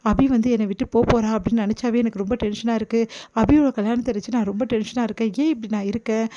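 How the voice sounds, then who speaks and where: A woman voicing a young man who firmly reassures and comforts a crying bride, in a quick retelling. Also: on the high side, steady tone, warm tone, muffled recording, close to an everyday voice. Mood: troubled. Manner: firm, reassuring.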